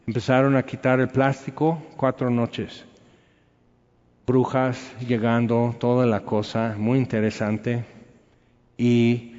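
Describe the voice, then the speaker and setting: A man, an evangelist telling his personal testimony in a rambling, animated way with many fillers. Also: medium pitch. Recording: lo-fi with long hall reverb.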